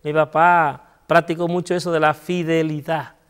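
A Dominican priest telling his personal testimony in a TV interview, speaking earnestly with a Dominican Spanish accent and letting his voice sink low and soft at painful moments. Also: level tone, normal speed, clear, resonant tone, big-room sound. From Dominican Republic.

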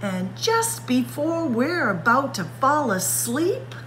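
Reading to young children, a woman librarian takes a picture book at a very slow, careful pace, her pitch swinging in a lively way as she stretches and acts out the words. A faint noise and hum sit behind her in the indoor library room full of bookshelves.

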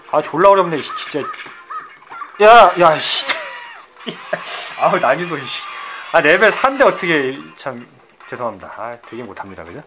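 A man streaming an old fighting game, swearing at the computer opponent and swinging between loud outbursts and low mutters. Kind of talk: profane retro game commentary.

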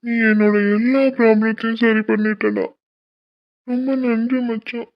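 A woman voicing an earnest young man who thanks his friend in an animated cartoon. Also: a little high, normal speed, lightly acted. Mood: grateful. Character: grateful young man, brother's close friend. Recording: dull lo-fi recording.

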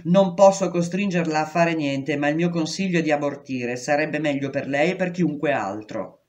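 A woman's voice: deep voice, normal speed, darkish tone, close to an everyday voice. A woman reading aloud, voicing a dismissive male prison doctor with curt, evasive replies. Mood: cold. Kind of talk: audiobook reading.

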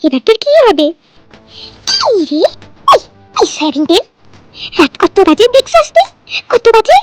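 A woman voicing a loud, crude, scolding middle-aged mother in a storybook tale. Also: big pitch swings, quick pace, dry recording. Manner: shrill, crude, insulting.

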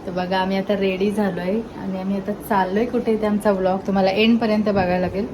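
A woman's voice: medium pitch, flat delivery, fast, background noise. A woman with a Marathi accent hosting a casual family vlog, talking straight to her viewers in a chatty way. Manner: chatty, addresses viewers directly. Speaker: vlogger.

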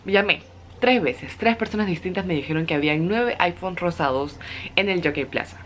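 Young woman, animated casual chat, fairly low pitch. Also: normal speed, slight background noise. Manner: chatty, animated storytelling. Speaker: vlogger.

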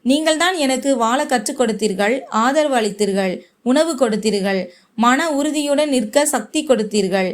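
A woman voicing a polite, hardworking young man who speaks softly and respectfully in a told story. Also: sits high, animated, normal speed. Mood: grateful. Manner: soft, respectful, earnest.

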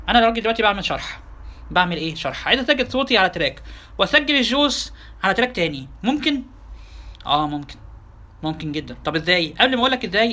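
An Egyptian-accented man runs a software lesson at a very fast clip. His voice sits high for a man and sounds bright and forceful. He keeps turning to his listeners with rhetorical questions. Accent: Egyptian Arabic. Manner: quick, chatty, addresses listeners directly with rhetorical questions. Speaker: software instructor. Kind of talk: tutorial lecture.

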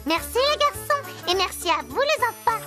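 A sweet little lady mouse from a kids' cartoon. Her voice is extremely high, girlish and polite, rising and falling freely over clear music. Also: very animated, moderate pace. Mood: sweet, chirpy. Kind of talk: children's cartoon acting in French.

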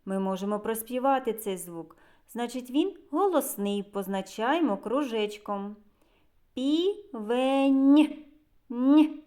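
Female kindergarten teacher, Ukrainian accent, unhurried and deliberate, sounds out words for small children. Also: medium pitch, expressive, a little mellow. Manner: stretches words, repeats them slowly for children. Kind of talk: slow, clear literacy lesson for young children.

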